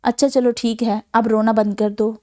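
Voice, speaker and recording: A man's voice: sits high, level tone, dark tone, natural voice. A woman reading as a protective, hot-tempered young husband. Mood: tender. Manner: fierce then tender.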